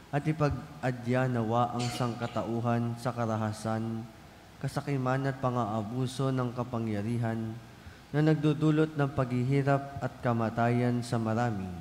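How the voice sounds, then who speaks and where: A man with a Filipino accent reads formal prayer intentions as a lector, solemn and measured, with cathedral echo. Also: medium pitch, darkish tone. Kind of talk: formal liturgical prayer reading. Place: large church, amplified. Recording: cathedral echo, long reverb, background noise.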